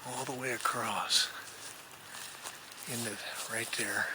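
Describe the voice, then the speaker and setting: Here his voice sits mid-range with fairly even intonation and a slow pace. He rambles folksily while showing off his radio hobby gear in wooded mountain country, captured by a handheld camera mic that picks up plenty of outdoor noise.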